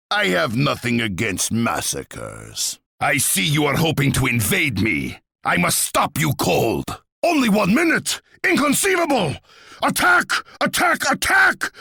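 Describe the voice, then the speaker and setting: An actor playing a boastful, bloodthirsty Russian tsar in a strategy game, with a pompous, menacing, theatrical delivery and a rough, gravelly voice. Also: male voice, fairly high pitch, bright, forceful tone, no echo, clean studio sound, exaggerated voice. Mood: frantic, shouting.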